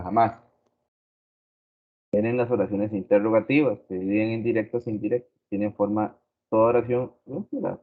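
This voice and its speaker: A man teaching a grammar lesson slowly and deliberately, repeating his examples. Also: lowish voice. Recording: tinny phone-like recording.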